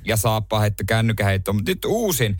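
A man's voice: fairly low pitch, sing-song. A man co-hosting a morning radio show in a studio, joking in casual banter and laughing easily. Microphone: studio microphone.

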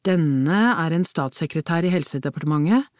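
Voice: mid-range voice, animated, no echo, lightly acted. Male investigator, impatient and pressing; narrator's own character voice, dry studio audiobook. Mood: explaining.

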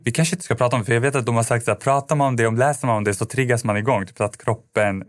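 In clean, echo-free studio audio, a man appearing as a podcast guest rambles through a personal anecdote, often restarting and using plenty of filler words. His voice is mid-range.

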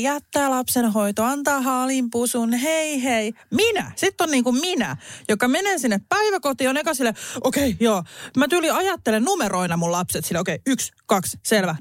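Animated woman telling a story. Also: on the high side, no room sound, clean studio sound. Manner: animated storytelling, swearing, frequent laughter. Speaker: podcast co-host. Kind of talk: casual chat.

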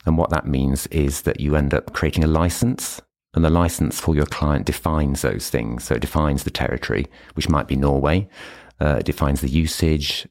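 A man's voice: a bass voice, fairly even intonation, moderate pace, a little mellow. A British man speaking as an expert podcast guest in a meeting room, explaining things step by step with examples. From United Kingdom. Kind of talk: explanatory interview talk.

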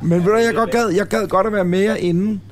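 A podcast host with a fairly high voice, teasing and excitable. A lively crowd can be heard clearly behind him. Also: male voice. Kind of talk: casual chat.

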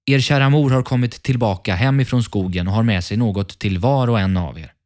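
A man's voice: fairly low pitch, a little mellow, pitched above the performer's own voice, close to an everyday voice. A man voicing a sly, hungry male wolf who raises his voice to pass as a mother goat. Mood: wheedling. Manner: wheedling, falsely sweet.

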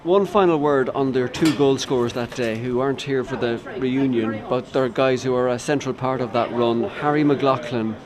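A man's voice: medium pitch, normal speed, few pauses, crowd noise. A man with an Irish accent hosting a casual sports interview, putting questions to guests.

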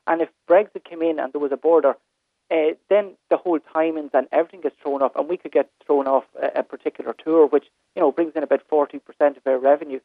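An Irish man phones in, his voice a bit high for a man and squeezed by a tinny line. He talks casually, with halting, informal phrasing. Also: fairly even intonation, dry recording. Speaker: phone-in caller, hospitality business owner or manager. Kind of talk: casual conversation. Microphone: telephone.

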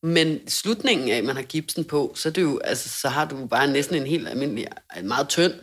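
A young woman with a low voice tells a story on a casual chat show. She is animated, swears freely and acts out what people said, sometimes loudly. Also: breathy edge. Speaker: podcast co-host.

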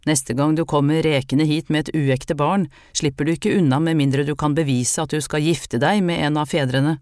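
A stern male priest from an audiobook, handing down judgment in a loud, chanting delivery, as the narrator reads him. The voice sits at a middle pitch and sounds dry and close. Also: steady tone, smooth, no room sound, lightly acted.

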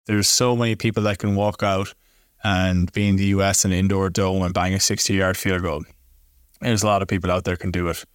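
A man's voice: sits low, flat delivery, brisk, clean tone, dry recording, clean studio sound. A man with a west of Ireland accent, a kicking coach telling his story in interview style. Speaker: kicking coach, former pro kicker.

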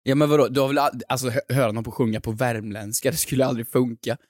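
A man's voice: medium pitch, steady tone, no room sound, studio quality. A young man co-hosting a podcast in casual chat, joking and laughing often. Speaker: podcast co-host.

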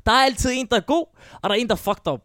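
Male co-host, animated storyteller with a high, expressive voice. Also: no echo, studio quality. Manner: animated storyteller, acts out dialogue with laughs. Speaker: podcast co-host. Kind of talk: casual chat.

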